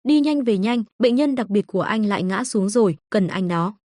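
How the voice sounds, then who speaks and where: A woman's voice: medium pitch, normal speed, dry recording, studio quality, lightly acted. Synthetic woman voicing a teasing young dad. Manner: flat synthetic reading. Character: teasing young father, amused.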